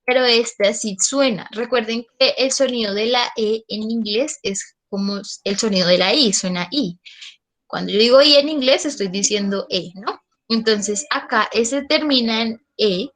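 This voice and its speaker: Profesora colombiana de voz aguda. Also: female voice, on the high side, fairly bright tone, low-quality recording. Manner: explains patiently, checks in with "¿listo?". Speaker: English teacher. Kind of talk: online class explanation.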